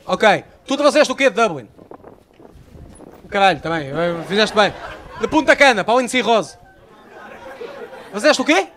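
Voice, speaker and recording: Portuguese stand-up guy, high voice, loud and sweary crowd work, a bit of noise behind. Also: big pitch swings, normal speed, long pauses. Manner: loud, profane banter with the audience. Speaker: stand-up comedian. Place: comedy stage before a live audience. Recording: live show with faint crowd noise.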